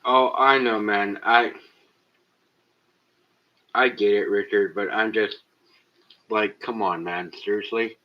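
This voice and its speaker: A man's voice: on the low side, steady tone, takes it slowly, pauses often. A man hosting a casual live stream, cursing a lot and talking straight to viewers in chat. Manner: profane, exasperated, talks straight to chat. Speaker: livestream host. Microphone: cheap webcam built-in mic. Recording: dull lo-fi webcam mic.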